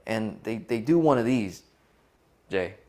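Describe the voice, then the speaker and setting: During a live video call, a man co-hosts a casual, interactive online coaching seminar, putting questions to listeners and checking in with "right?" His lowish voice is expressive and warm, with a measured pace.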